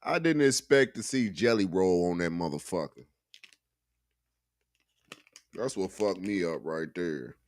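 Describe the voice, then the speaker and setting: A man's voice: deep voice, lively intonation, a little slow, pauses often, no room sound. A man hosting a casual reaction show, drawling and wry as he comments on clips and swears freely.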